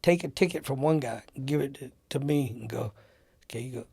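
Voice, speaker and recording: A man's voice: mid-range voice, brisk, gravelly, slightly rough, dry recording. A man telling casual travel stories as an interview guest, acting out the people he met. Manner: animated, acts out the people in his stories. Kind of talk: casual storytelling.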